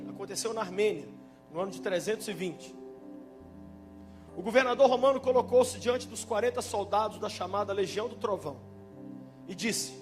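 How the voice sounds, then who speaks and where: A man with a Brazilian Portuguese accent preaching a sermon, fervent and emphatic with sudden loud bursts. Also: high-pitched. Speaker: pastor. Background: instrumental music playing under the preaching.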